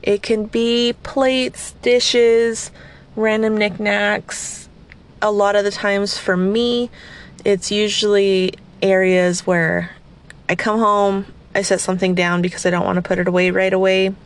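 A woman hosting a podcast, talking through a casual guided cleaning session early in the morning at home, her voice slightly raspy from just waking up, chatty and rambling with self-deprecating asides. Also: mid-range voice, little pitch movement, a little slow. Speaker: podcast host.

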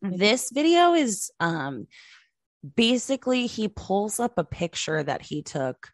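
A woman co-hosting a casual podcast chat, telling the story behind each clip in an animated way and laughing often. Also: mid-range voice, slow pace, no room sound, studio quality. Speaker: co-host showing videos.

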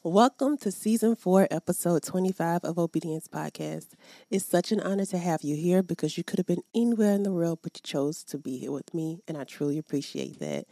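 An upbeat woman hosts a faith podcast, chatting and praying aloud while speaking straight to her listeners. Her voice is fairly low, expressive, fairly quick and mellow, recorded on a podcast microphone with faint music in the background.

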